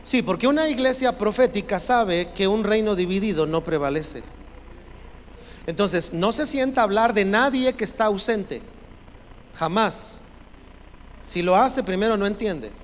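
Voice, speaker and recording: A man's voice: high-pitched, lively intonation, unhurried. A man preaching a sermon as pastor, emphatic and urging the congregation to repeat his phrases. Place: church sanctuary. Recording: long reverb from a church hall, faint noise.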